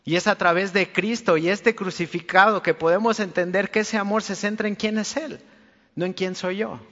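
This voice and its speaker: High-voiced preacher in a reverberant hall. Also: male voice, steady tone, normal speed, pushed and bright. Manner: colloquial, earnest, addresses listener directly. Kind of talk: conversational sermon. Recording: long reverb, dull lo-fi sound.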